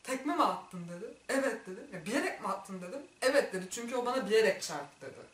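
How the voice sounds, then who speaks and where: Lively woman telling a story, echoey room. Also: medium pitch, fast talker. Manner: lively, acts out dialogue, laughs often. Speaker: vlogger. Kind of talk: animated storytelling. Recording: echoey room, mic far off.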